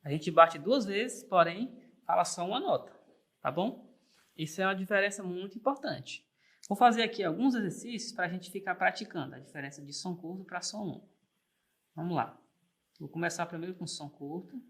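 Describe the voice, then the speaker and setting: In an online music theory lesson, a man with a high, slightly bright voice speaks at a moderate pace. He stays patient and encouraging, checking in with the learner frequently, and claps the beat while holding single sung notes.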